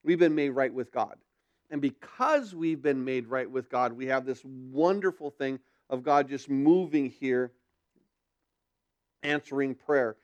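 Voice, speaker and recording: Smooth-voiced pastor at a pulpit microphone. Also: male voice, medium pitch, measured pace, muffled recording. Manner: asks rhetorical questions, then answers them. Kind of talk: sermon teaching.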